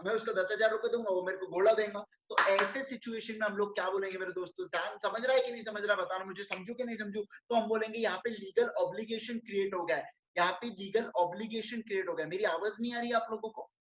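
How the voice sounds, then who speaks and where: A man lecturing with an Indian accent, reading English definitions slowly and explaining them in chatty Hindi full of rhetorical questions, calling his students friends. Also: high voice, fairly even intonation, fairly bright tone, lo-fi sound. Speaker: chartered accountancy lecturer.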